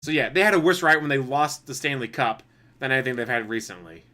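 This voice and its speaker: A man's voice: mid-range voice, fast talker, sharp tone. A man reacting live to another streamer, making sarcastic, mocking comments.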